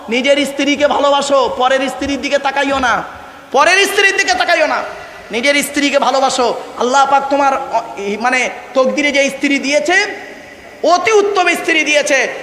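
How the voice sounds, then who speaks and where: A man's voice: very high-pitched, a bit bright, echoey room, long reverb tail, slight background noise. A man preaching a Bengali waz sermon to an audience, declaiming with repeated phrases and calling listeners "baba". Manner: chants Arabic verses slowly.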